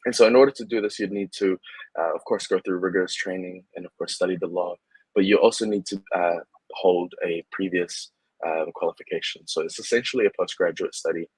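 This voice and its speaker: Low, husky young man on a video call. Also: fairly quick, dry recording, rough recording. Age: young adult. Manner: relaxed, many fillers and restarts. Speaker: licensed immigration adviser, guest. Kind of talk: casual online interview.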